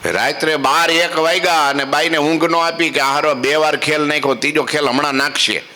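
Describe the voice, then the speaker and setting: Bright-voiced preacher in a hall. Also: male voice, on the high side, fairly quick. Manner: lively storyteller who acts out characters and asks rhetorical questions. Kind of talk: devotional storytelling sermon.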